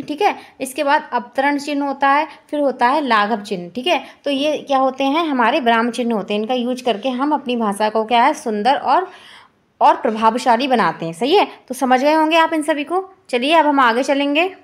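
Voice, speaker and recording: A woman teaching an exam-prep lesson, asking and answering her own questions and repeating key phrases. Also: high-pitched.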